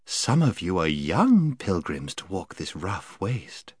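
A sweet-voiced enchantress in green, put on by a man reading aloud, rolling her r's in a lilting, courtly way. Her voice swoops up high and floats, recorded close and dry. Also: very animated, takes it slowly, darkish tone, breathy edge, no echo, heavily acted. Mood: honeyed.

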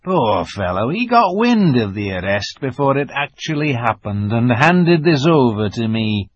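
A man voicing a secretive male beaver in a storybook reading, with a hoarse, throaty whisper, hushed and slow. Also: medium pitch, very animated, no echo, muffled recording. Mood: confiding.

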